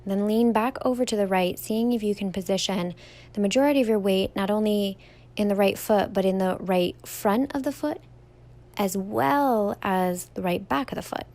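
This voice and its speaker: A young woman who teaches yoga guides a standing meditation, speaking slowly, gently and soothingly. She softly draws out her words in a mid-range voice.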